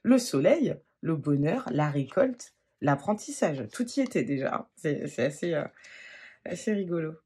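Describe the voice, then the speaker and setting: A tarot card reader giving a spontaneous reading, talking gently and haltingly, with many restarts and fillers. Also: mid-range voice, sing-song, husky.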